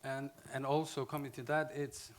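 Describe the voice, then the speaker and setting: At a conference, a man with an Icelandic accent presents in English, frequently pausing, restarting, and self-correcting. He has a mid-range voice with a level tone, and there's a little hiss or hum in the recording.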